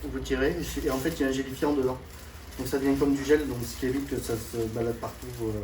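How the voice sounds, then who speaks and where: A man's voice: medium pitch, little pitch movement, quick pace, a little mellow. A man working as an equipment technician, giving a practical briefing. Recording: roomy, distant miking, faint noise.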